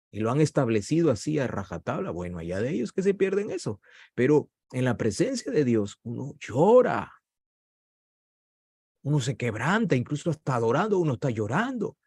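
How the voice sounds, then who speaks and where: A man's voice: a little mellow, breathy edge, no echo. A man preaching a sermon with passion, his voice rising sharply at points of emphasis. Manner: impassioned preaching with sudden rises in pitch. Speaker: pastor.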